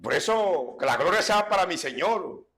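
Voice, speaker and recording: A man's voice: sits high, expressive, moderate pace, a bit bright. An older man, preaching a sermon as pastor in an emphatic, repetitive way with frequent restarts.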